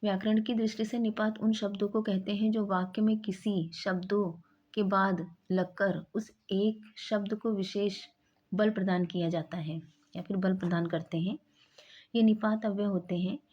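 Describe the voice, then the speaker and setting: Speaking at a measured pace in a steady, medium-pitched voice that's a little mellow, a woman leads an exam-prep grammar lesson. After explaining each term she acts out brief example sentences with emphasis on the key word; the audio is slightly dull and muffled.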